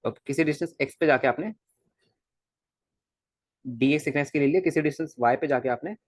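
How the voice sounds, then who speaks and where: Animated male physics teacher, dry room. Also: on the high side, a little fast, no echo. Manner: animated, coaxing, repeats questions to students. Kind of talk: recorded classroom lecture.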